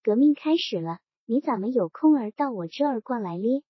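An earnest, loyal young bandit who answers quickly and speaks from the heart, as a woman reading the story puts him on. The voice is husky and rather high. The recording sounds dull and lo-fi. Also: expressive, no echo.

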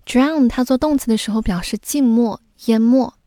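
Woman, English teacher, scripted lesson, mellow, slightly high voice, close dry mic. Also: no echo. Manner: explains words slowly and clearly, mixing in English.

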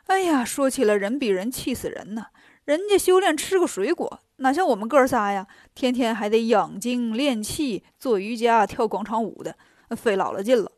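A woman voicing three jolly old male star gods who scold loudly and joke in a storybook. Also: fairly high pitch, expressive, normal speed, no room sound, clean studio sound, lightly acted.

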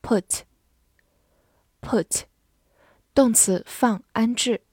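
A young woman teaching vocabulary in a recorded lesson, saying each English word twice clearly, then giving brisk explanations. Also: fairly high pitch, darkish tone, dry recording, clean studio sound.

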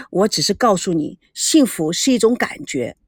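A serene, wise young woman, as a woman narrator puts her on, speaking in measured, philosophical phrases. The tone is gentle and a little lower than the narrator's own, in a dry close recording. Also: big pitch swings, breathy edge, no echo, full character voice.

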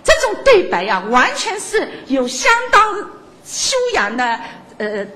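An older woman giving a lively talk to an audience, laughing often and stumbling through fillers and restarts. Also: high voice, unhurried.

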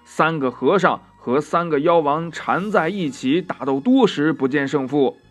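A man narrating a children's story in a lively storytelling manner, drawing out the ends of his phrases. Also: on the high side. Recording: faint music behind.

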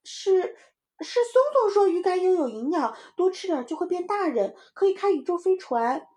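A woman voicing a little boy who doubts his friend, with a high excited child voice and a teasing manner. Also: normal speed.

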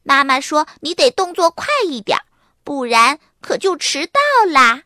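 A woman voicing a cheeky little sister in a storybook, her voice pitched high and bright with a teasing singsong. She sounds bossy and full of mischief. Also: expressive, unhurried, dry recording, heavily acted.

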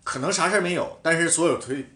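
A man casually telling a story from a bike race in a podcast chat, animated and swearing now and then. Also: a little high, fast. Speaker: professional cyclist guest.

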